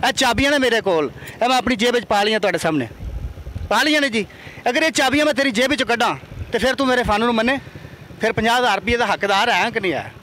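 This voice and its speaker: A man's voice: very high voice, fast talker, pushed and bright, a little hiss or hum. A man hosting a comedic street interview outdoors, playful and pushy as he coaxes passers-by. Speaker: comic street interviewer and prankster.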